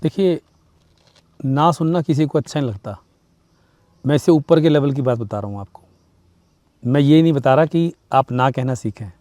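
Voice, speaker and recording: A man's voice: mid-range voice, moderate pace, long pauses, dark tone, no room sound. A man giving advice in a talk show, emphatic, acting out little dialogues and mixing in English phrases. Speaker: guest speaker.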